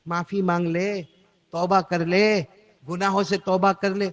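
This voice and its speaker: A man voicing a calm, wise holy man who speaks softly and thoughtfully. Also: high voice, highs cut off, natural voice. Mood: pensive. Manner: soft, quiet, reflective.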